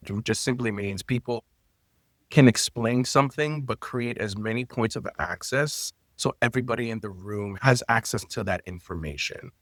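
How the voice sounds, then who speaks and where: A Florida-based guest in his late 30s, a native Haitian Creole speaker who works as an intimacy coordinator and teacher, tells stories in a conversational interview. His very low voice sounds dry with no echo, and he speaks expressively and personally, with loose phrasing and frequent fillers.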